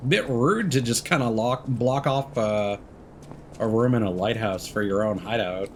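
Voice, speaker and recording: Over slight background noise, a man in an unhurried, lowish voice plays a video game on a livestream and talks informally with viewers. The tone is easygoing and friendly, in the manner of a casual let's play.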